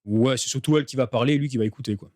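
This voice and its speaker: Fast-talking man, blunt and slangy. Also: mid-range voice, a little mellow, dry recording, clean studio sound. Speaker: podcast co-host. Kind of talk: casual film discussion.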